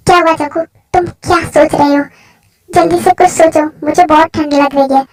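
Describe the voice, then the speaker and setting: A woman's voice: high voice, fairly even intonation, normal speed, soft background music, lightly acted. A woman voicing a frightened, stubborn young woman in a fan story, refusing and anxious by turns. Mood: shivering.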